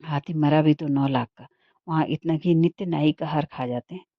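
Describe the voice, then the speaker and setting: A woman's voice: low voice, moderate pace, dry recording. A woman voicing a proud young wife from a wealthy family in a storybook reading, speaking in a cutting, indignant way. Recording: dull muffled dry recording.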